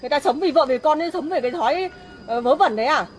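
High-pitched furious woman berating fast. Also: animated. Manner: shouting angrily, scolding. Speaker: wife confronting husband. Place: outdoors by a street at night. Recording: faint outdoor noise with crickets.

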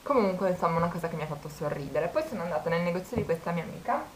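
Young woman vlogger, lowish voice, chatty storyteller. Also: lively intonation, racing, slight background noise, poor audio. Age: 20s. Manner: chatty storytelling, quoting people. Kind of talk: casual chat.

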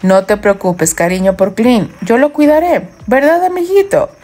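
A woman's voice: fairly high pitch, moderate pace, close to an everyday voice. A woman voicing a motherly middle-aged grandmother who cares for the children. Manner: warm, motherly.

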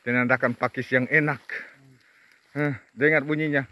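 Walking through an oil palm plantation outdoors, a man vlogs in casual chat, humming a lot and repeating words in a slow, drawn-out way. His medium-pitched voice has fairly even intonation and a bright, forceful tone, and the recording is dry.

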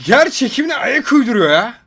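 A young man giving casual, excitable reaction commentary on gaming videos, exclaiming and joking in mock outrage. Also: very high voice, moderate pace, breathy edge.

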